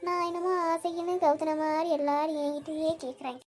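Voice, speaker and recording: A woman's voice: sits high, fairly even intonation, fast talker, darkish tone, a little hiss or hum, natural voice. A woman voicing a put-upon young wife in a cartoon, complaining and grumbling. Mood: lamenting. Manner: complaining, meek toward husband. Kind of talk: cartoon voice acting.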